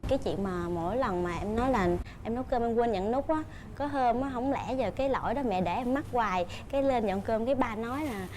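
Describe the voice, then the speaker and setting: A woman's voice: on the high side, fairly quick, hardly any pauses, dark tone, faint music behind. A woman, a daughter-in-law on a talk show, telling stories about her home life in a candid way. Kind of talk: casual talk show chat.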